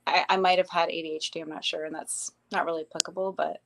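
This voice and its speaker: A young woman, a guest in an interview, telling her life story in a hesitant, casual way with many pauses and restarts. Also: fairly low pitch, level tone, noisy background. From grew up in Bangladesh, later Canada.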